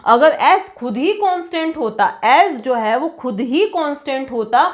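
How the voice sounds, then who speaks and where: High-voiced woman teaching coding. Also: expressive, a little slow. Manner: quizzes herself with repeated rhetorical questions. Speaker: programming teacher. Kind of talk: classroom-style coding lecture.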